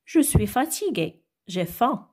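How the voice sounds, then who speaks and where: A woman reading the lines of a tired, hungry young schoolboy in a storybook text, softly and wearily. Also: medium pitch, sing-song, slow, slightly rough, heavily acted.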